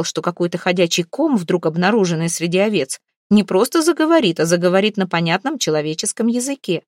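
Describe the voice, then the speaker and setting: A woman narrating a historical novel in an expressive storytelling manner. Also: fairly low pitch, dry recording, studio quality. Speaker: audiobook narrator.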